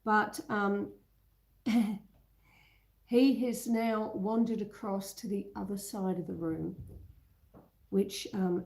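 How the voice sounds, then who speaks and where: An Australian woman hosts a homesteading livestream from a roomy space indoors at home, chatting casually with viewers and answering their comments while her nose is still a little blocked. Her voice is medium-pitched and dark in tone. The audio is poor and reverberant, with slight background noise.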